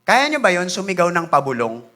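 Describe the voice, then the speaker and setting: A male pastor from the Philippines preaching a sermon in an animated way, switching between Tagalog and English and acting out church members. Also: high voice, brisk. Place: church sanctuary.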